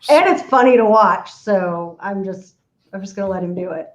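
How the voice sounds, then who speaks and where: A woman's voice: medium pitch, normal speed. A woman co-hosting a radio show, chatting easily and saying "like" a lot. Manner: easygoing, uses "like" a lot. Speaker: co-host. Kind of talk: casual chat. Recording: roomy dull sound with faint noise.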